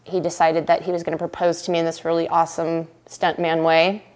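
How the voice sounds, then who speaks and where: Woman telling her story, kinda low voice, chatty and animated, lots of "like". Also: fairly quick. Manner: animated, acts out quotes, casual fillers like "like" and "right?". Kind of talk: emotional personal storytelling.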